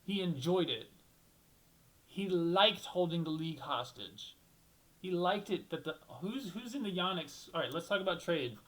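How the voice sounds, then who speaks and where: A man's voice: high-pitched, expressive, normal speed, fairly bright tone, rough recording. A young man hosting a solo basketball talk show, rambling and thinking aloud, restarting sentences and swearing casually.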